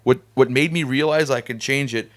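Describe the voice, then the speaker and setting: A man hosting a casual studio conversation, talkative and animated, laughing often. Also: medium pitch, normal speed, faint music behind. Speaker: podcast host. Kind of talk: casual chat.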